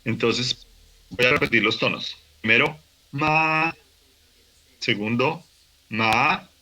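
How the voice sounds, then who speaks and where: A man teaching a workshop lesson, explaining patiently with fillers and restarts, slowing down to demonstrate syllables. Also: medium pitch, bright, forceful tone, poor audio. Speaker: language teacher. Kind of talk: recorded online workshop lesson.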